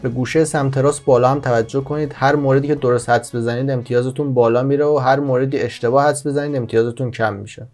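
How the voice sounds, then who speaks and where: Brief: male host for a tutorial voice-over, mid-pitched, slows down to explain words, soft music under it. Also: fairly even intonation. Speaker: language-learning channel host. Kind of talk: screen-recorded tutorial voice-over.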